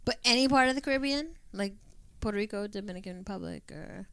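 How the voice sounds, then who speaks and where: A woman co-hosting a podcast, chiming in with short questions and quick replies in casual chat. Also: mid-range voice, creaky, a bit bright, clean tone, no room sound. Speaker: podcast co-host.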